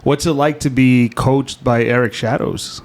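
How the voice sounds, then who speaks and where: This man hosts a casual interview, and his voice sits at an ordinary male pitch. He talks in a friendly, conversational way and often thanks and praises his guest. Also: steady tone, measured pace. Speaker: host.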